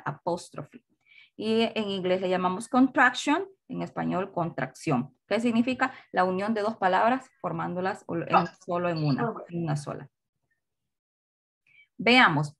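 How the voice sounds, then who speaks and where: Teacher lady explaining grammar real slow, repeats every word a bunch. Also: fairly low pitch, fairly bright tone. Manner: slow, repetitive drilling of pronunciation; explains patiently, switching between two languages. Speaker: English teacher. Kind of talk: recorded classroom lesson.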